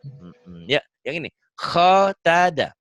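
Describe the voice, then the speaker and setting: A man's voice: a little high, sing-song, takes it slowly, a bit bright, no room sound, faint music behind. Male Quran tutor, patient and jokey, dry close-miked sound. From Indonesia. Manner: patient, joking, tells anecdotes. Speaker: Quran reading teacher. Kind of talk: one-on-one online lesson.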